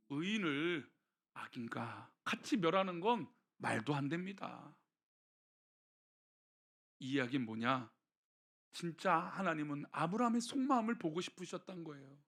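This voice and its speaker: Male pastor, sermon delivery, high and bright tone, alternates loud emphasis with quiet pleading. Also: big pitch swings, moderate pace. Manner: emphatic, shifting between raised exhortation and soft hushed appeals. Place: church.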